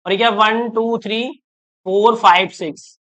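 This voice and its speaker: A man with a fairly high voice teaching a math class online. He walks through each step aloud, counting off terms and elements. He keeps pausing to check whether the students are following. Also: steady tone, pushed and bright, lo-fi sound. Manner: constantly checks if students follow, coaxing questions.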